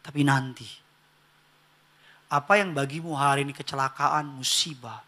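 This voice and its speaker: A man preaching a sermon in a church, animated and humorous, swinging between loud exclamations and hushed asides and acting out family dialogue. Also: medium pitch, normal speed. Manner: acts out family dialogue in character voices. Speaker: pastor.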